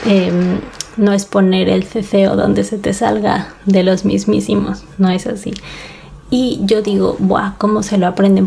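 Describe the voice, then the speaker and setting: Her medium-pitched voice is mellow with some vocal fry, and the recording has a bit of hiss or hum. She's a Mexico City-accented woman in her thirties hosting a casual solo podcast, talking to listeners in a candid, conversational way.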